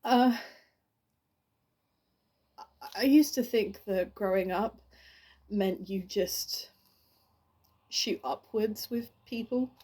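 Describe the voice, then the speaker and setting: An actress playing a grieving woman delivering a eulogy for her friend, halting and stammering with many restarts, in an audition monologue. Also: medium pitch, mellow, breathy edge. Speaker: actor.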